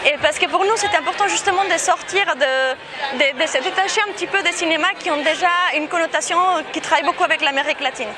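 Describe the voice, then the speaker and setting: Outdoors amid street noise and chattering crowds, a Mexican festival director whose first language is Spanish answers a casual interview. Her voice is high and her pace quick, though she hesitates, restarting often and using lots of fillers.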